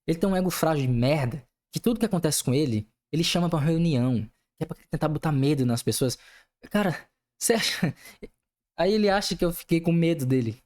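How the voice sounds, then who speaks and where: A man's voice: fairly high pitch, lively intonation, a little fast, darkish tone. Young male podcast host, angry venting monologue, heavy swearing.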